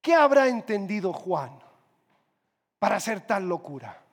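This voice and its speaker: High-voiced preacher in a reverberant hall. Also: male voice, sing-song, measured pace. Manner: vivid storyteller who repeats phrases for emphasis. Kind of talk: sermon with dramatic storytelling.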